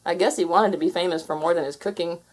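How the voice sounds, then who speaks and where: A woman's voice: on the low side, steady tone, fast, a little mellow, natural voice. A woman voicing a mischievous, sarcastic male cat as a storybook character. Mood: smug.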